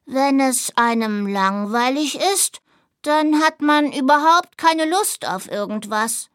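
A woman voicing a small, bored male dormouse in a children's storybook, drawling his words slowly. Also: sits high, expressive, fairly bright tone, dry recording, studio quality, heavily acted. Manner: slow, drawn-out bored speech.

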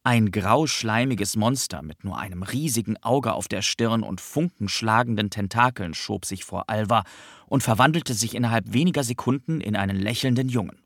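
A man narrating a children's book in a steady, clear storytelling manner. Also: lowish voice, moderate pace, no echo, studio quality. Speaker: audiobook narrator.

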